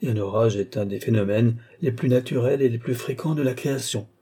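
Calm cold young prince, measured, rational, husky darkness, read by a man. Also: medium pitch, close to an everyday voice. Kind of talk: audiobook character reading.

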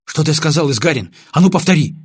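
A man voicing a tense, commanding male counterintelligence lieutenant in an audiobook, with a husky voice. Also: mid-range voice, expressive, moderate pace, no echo, clean studio sound, full character voice. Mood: stern. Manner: sharp commands, then polite apologies.

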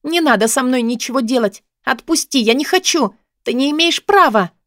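A woman's voice: expressive, moderate pace, no echo, clean studio sound. Frightened defiant young student girl, read by a woman. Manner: pleading and protesting, high and tense.

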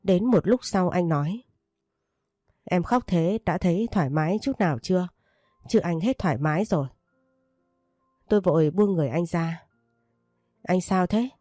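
A woman reading a first-person romance story aloud, voicing the dialogue in her own steady narrating voice. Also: fairly low pitch, normal speed, pauses often, no room sound, clean studio sound, soft background music.

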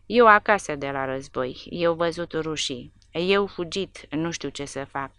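A woman's voice: deep voice, fairly bright tone, clear, resonant tone, no echo. A woman voicing a frightened Polish farmer who pleads in broken speech. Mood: pleading.

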